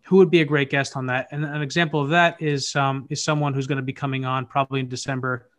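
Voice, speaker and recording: A man's voice: mid-range voice, level tone, fast talker, a bit bright. A man in a casual interview on a video call, talking his answers through thoughtfully with frequent restarts. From United States. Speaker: podcast host appearing as guest.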